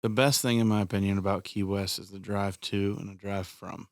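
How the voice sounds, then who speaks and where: A man's voice: on the low side, steady tone, a little fast, no room sound, clean studio sound. A man on a casual podcast chat, plain-spoken and opinionated.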